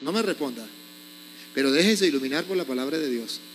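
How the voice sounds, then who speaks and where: Priest man preaching hard, high voice, echoey hall w faint hum. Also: lively intonation, a little fast. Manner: forceful, scolding rhetorical questions. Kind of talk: sermon.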